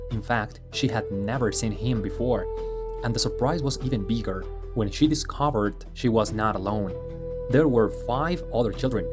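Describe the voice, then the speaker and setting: A man reading a children's story aloud as narrator, in a steady, expressive manner. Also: on the low side. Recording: music playing underneath.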